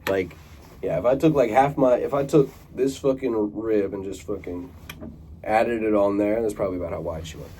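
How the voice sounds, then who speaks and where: Young man, low voice, rambling casual talk, lots of fillers, faint hiss behind. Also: moderate pace, dark tone. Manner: rambling, many fillers and restarts, swears casually. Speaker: vlogger.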